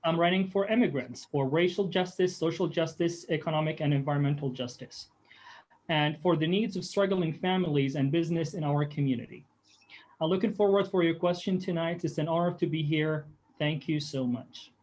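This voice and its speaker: A man's voice: a little high, a little fast, a little mellow. A man from Syria, giving a heartfelt campaign statement with uh fillers. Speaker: political candidate.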